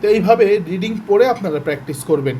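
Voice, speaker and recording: A man's voice: high voice, animated, warm tone, slight background noise. A man teaching Quran reading in an online lesson, sounding out letters one by one and explaining patiently. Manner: patient, repeats letter sounds slowly then speeds up to explain.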